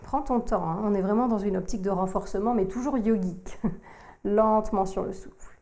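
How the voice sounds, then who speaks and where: A woman, working as a yoga teacher, calmly cueing breath and movement through a core workout. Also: medium pitch. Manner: calm, slow cueing of breath and movement, addressing the listener informally.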